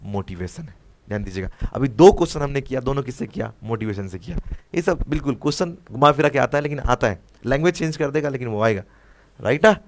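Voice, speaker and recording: A man's voice: medium pitch, lively intonation, quick pace. A young man with an Indian English accent teaching an online exam-prep lesson. He explains each answer, mixes in English phrases and keeps checking in with listeners. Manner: explains answers, mixing Hindi with English phrases, often asks "है ना?".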